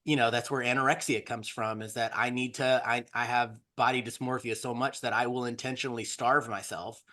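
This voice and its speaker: A man co-hosting a podcast speaks in a bright, clear voice at an ordinary pitch. He rambles and restarts a lot as he works through a thought in casual conversation. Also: fairly even intonation, brisk. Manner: rambling, hesitant, many restarts. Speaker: podcast co-host. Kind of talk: casual discussion.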